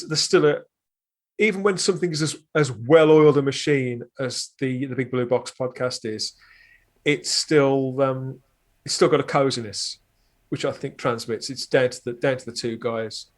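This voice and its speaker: Speaking at a medium pitch, a man appears as a podcast guest and reviewer, talking casually. He tends to digress and restate his points, delivered with dry, understated humor.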